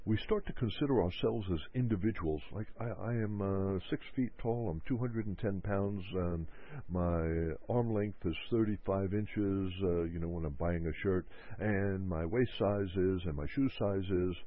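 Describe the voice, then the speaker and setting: A deep-voiced man speaking at normal speed hosts a motivational self-help talk on the radio, repeating his points and acting out people's worried inner voices. The audio is narrow and phone-like.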